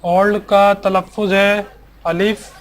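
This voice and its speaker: A man teaching a basic English vocabulary lesson, spelling each word letter by letter and repeating it slowly. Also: high voice, level tone.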